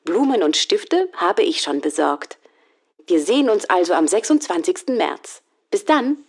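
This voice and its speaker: A woman's voice: lowish voice, very animated, measured pace, full character voice. An actress playing a friendly woman who leaves a carefully articulated answering machine message. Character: friendly woman leaving a private phone message. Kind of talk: scripted answering machine message for a German listening exercise.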